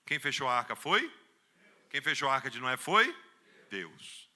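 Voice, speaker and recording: Bright-voiced preaching Brazilian man. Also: mid-range voice, big pitch swings, measured pace. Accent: Brazilian Portuguese. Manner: storytelling, acts out the quoted voices, rising to loud emphatic peaks. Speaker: pastor. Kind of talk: sermon. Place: church.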